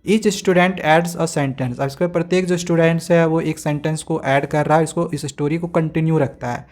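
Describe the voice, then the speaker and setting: A man's voice: fairly high pitch, flat delivery, a little mellow. Male teacher explaining a lesson patiently. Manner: explains step by step, often checks "samajh mein aa gaya?"; reads English lines slowly, then explains in Hindi.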